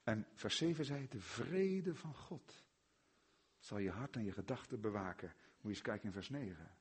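A man with a Netherlands Dutch accent preaching a sermon, firing rhetorical questions and swinging from hushed tones to loud emphasis. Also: fairly low pitch, animated, moderate pace, husky.

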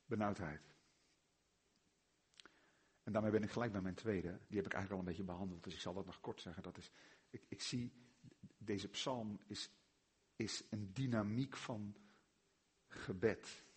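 A man with a Netherlands Dutch accent preaching a sermon, firing rhetorical questions and swinging from hushed tones to loud emphasis. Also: lowish voice, unhurried, long pauses, husky.

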